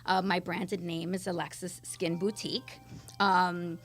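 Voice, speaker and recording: A middle-aged esthetician from Miami, United States, with an American accent, answers interview questions in an enthusiastic, explanatory and conversational way. Her lowish voice is level, unhurried and a bit bright, with faint music behind.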